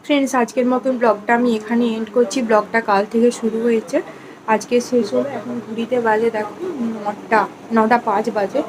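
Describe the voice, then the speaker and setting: A woman's voice: fairly high pitch, steady tone, fairly quick, crowd noise, poor audio. A woman chatting casually to her viewers in a home family vlog. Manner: chatty, addresses viewers as friends; talks softly to avoid waking someone. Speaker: family vlogger.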